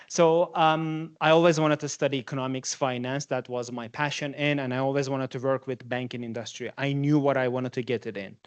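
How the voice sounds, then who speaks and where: Asking his student audience questions, a Turkish man in his forties delivers a guest lecture in a conversational style; Turkish is his native language. His medium-pitched voice is clear and resonant, fairly quick with few pauses and fairly even intonation, and there's no echo.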